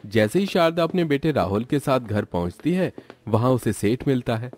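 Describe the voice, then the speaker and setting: A man narrating a cartoon horror story in an expressive, scripted storytelling style. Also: medium pitch, normal speed.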